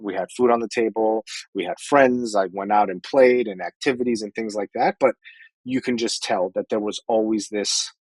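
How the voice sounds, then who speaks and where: A man in his forties from Iran, a podcast guest, telling his family story earnestly with some halting restarts. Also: fairly low pitch, darkish tone, dry recording, low-quality recording. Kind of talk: personal storytelling in an interview.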